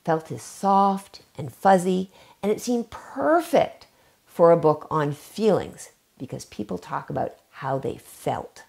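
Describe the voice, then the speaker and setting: A middle-aged woman, a children's book author, reads aloud and demonstrates a craft for kids in a warm storytime manner. Her low, gravelly voice swoops up and down with lively expression as she draws out key words. She sits in an armchair before bookshelves in her home library, filmed by a camera placed a little way off.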